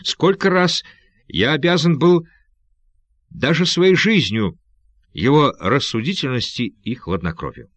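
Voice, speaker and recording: A man voicing an earnest, commanding pirate leader in an audiobook, pitched above his reading voice. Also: animated, a little slow, a bit bright, no room sound. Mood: warm.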